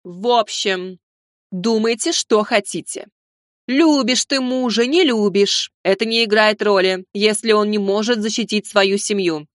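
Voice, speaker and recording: A woman's voice: mid-range voice, unhurried, no room sound, studio quality, natural voice. A woman voicing a stern imperious old great-grandmother. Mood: cold. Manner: cold, scolding, commanding.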